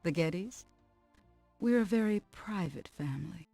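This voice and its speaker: A woman's voice: on the low side, animated, moderate pace, vocal fry, warm tone, husky, dry recording, exaggerated voice. An actress playing a guarded, elegant wealthy woman in an adventure game, poised, cool and formal. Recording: dry game audio with music. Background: game music.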